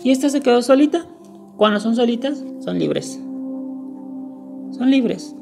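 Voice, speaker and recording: A woman's voice: on the high side, animated, normal speed, vocal fry, over music. A woman explaining a lesson step by step, going over each point carefully and repeating the key words. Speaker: teacher. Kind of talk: screen-recorded lesson.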